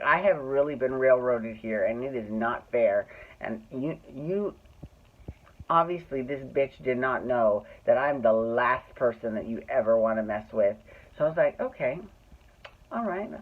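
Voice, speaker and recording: A middle-aged storyteller from Glendale, California, with a Californian accent hosts their own show, casually telling personal stories to camera in a catty, dramatic, sweary way and acting out dialogue. The voice is mid-range, expressive and unhurried, though the audio is muffled and narrow-band like a phone.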